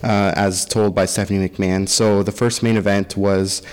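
A man's voice: low voice, little pitch movement, normal speed, darkish tone, clean tone. A man co-hosting a podcast, casually recapping and discussing wrestling in an echoey room. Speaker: podcast co-host.

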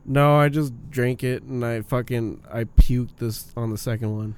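A man's voice: medium pitch, fairly even intonation, moderate pace, clean tone. A man in his twenties chatting casually like a frat bro, telling crude, slangy stories full of swearing. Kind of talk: casual chat, swearing storytelling.

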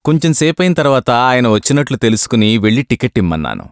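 A man reading a first-person story aloud with expressive delivery. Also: medium pitch, fast talker, smooth, dry recording, studio quality. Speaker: narrator.

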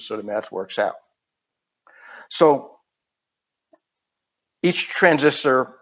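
An older man from New York with a Queens accent, explaining technical matters informally as a guest, haltingly and with digressions. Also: mid-range voice. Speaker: interview guest. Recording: dull, band-limited audio.

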